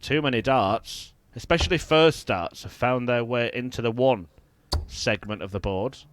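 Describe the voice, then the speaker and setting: A man giving live darts commentary in measured, analytical short observations. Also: medium pitch, slight background noise.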